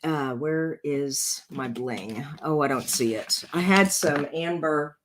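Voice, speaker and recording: A woman hosts a casual card-making tutorial, chatting through the steps while she works, her voice rough and congested. It sits low and she speaks slowly, with background noise present.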